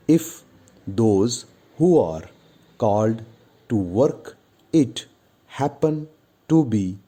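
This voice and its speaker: A man gives a slow school dictation at an extremely unhurried pace. His voice is on the dark, mellow side at a middling pitch, and he parcels out the text in short, deliberate phrases with pauses between them. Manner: measured, deliberate, pausing after every few words.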